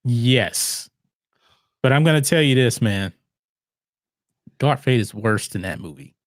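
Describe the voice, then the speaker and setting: A man hosting a casual movie podcast, animated and incredulous, often restarting his words. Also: mid-range voice, slow pace, no echo, studio quality. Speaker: podcast host.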